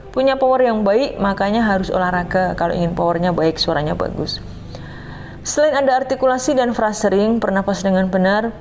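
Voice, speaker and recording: A middle-aged woman teacher walks her students through a music lesson step by step. Her voice sits at a middle pitch, and faint music plays behind her. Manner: explains step by step, addresses students directly, sings short folk song examples. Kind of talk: online class lesson.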